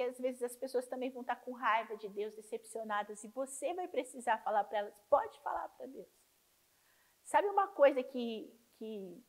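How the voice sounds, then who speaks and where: A woman's voice: a little high, low-quality recording. Earnest middle-aged Brazilian woman pastor. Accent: Brazilian Portuguese. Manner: personal, earnest, asks the class questions. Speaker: pastor teaching a ministry class. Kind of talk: conversational teaching.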